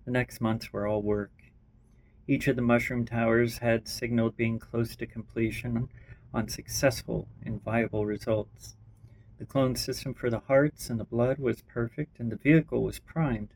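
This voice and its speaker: A man's voice: medium pitch, fairly even intonation, normal speed, gravelly, darkish tone. Man narrating an unrehearsed story. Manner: reads with small slips and restarts. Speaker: writer and narrator.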